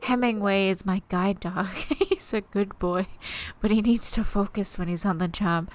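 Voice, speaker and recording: A woman voicing a flirtatious male lawyer in a video game playthrough, with a soft, breathy voice. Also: medium pitch, moderate pace, voice pushed down, natural voice. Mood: earnest. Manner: soft-spoken, coming on strong.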